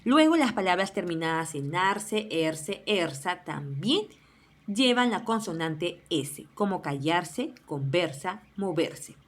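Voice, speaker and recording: A woman's voice: on the low side, lively intonation, takes it slowly. A woman teacher giving a spelling lesson, sounding out word endings one by one.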